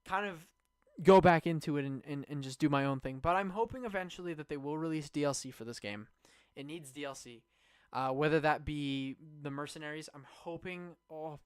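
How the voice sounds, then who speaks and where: A young man streaming, rambling enthusiastically through a casual game review, with many fillers and restarts. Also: a little high. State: hiccuping.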